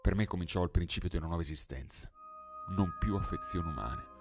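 A man's voice: sits low, quick pace. A man narrating a 19th-century tale as an audiobook, in an impassioned, dramatic reading that swells in the dialogue. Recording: studio narration over singing bowl music.

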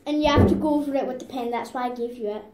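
A woman's voice: high-pitched, rapid-fire, echoey room, very noisy. A young girl chatting casually with a friend while drawing, insistent and a little bossy. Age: child. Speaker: vlog co-host.

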